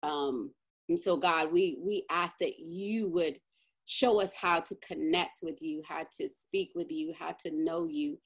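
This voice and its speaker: Speaking in a deep voice at a measured pace, a woman pastor teaches informally online and then leads spoken prayer. Her manner is emphatic, she checks in with listeners by repeatedly asking "right?", and her praying is fervent.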